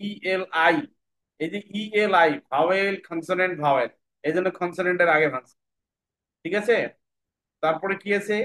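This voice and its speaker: A man teaching children to break English words into syllables, spelling each letter aloud and repeating every word slowly while checking they follow. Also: high-pitched, a bit bright, poor audio. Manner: checks in often with "right?".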